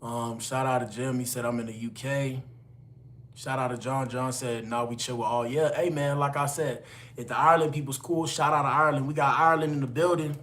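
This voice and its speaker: Laid-back young man giving shout-outs. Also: medium pitch, fairly even intonation, a little fast, slight background noise. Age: 20s. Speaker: livestream host reading chat. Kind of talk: casual live-stream chat.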